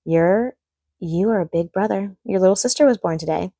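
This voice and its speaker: A woman's voice: medium pitch, moderate pace, creaky, dark tone, dry recording, studio quality. A woman voicing a kindly old turtle grandmother in an affectionate storytime read-aloud. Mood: congratulatory.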